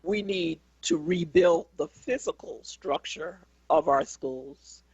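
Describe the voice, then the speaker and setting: Slow, gravelly woman talk radio host. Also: low voice, darkish tone, no room sound. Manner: deliberate, gravelly, pausing with ums. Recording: dry, slightly dull studio mic.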